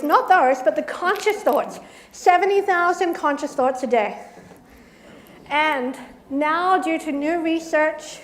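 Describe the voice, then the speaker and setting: A woman business coach giving a motivational talk to a live audience, playful and lively, acting out the voices in her head. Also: high voice. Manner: lively, playful, acts out inner voices with mock quotes. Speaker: keynote speaker and business coach. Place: event hall in front of an audience.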